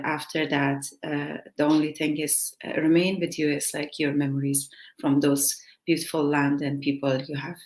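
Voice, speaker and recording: A woman speaking as a women's rights advocate on a panel, hesitant and full of fillers. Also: deep voice. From Afghanistan. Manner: hesitant, many fillers and restarts. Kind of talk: online panel talk.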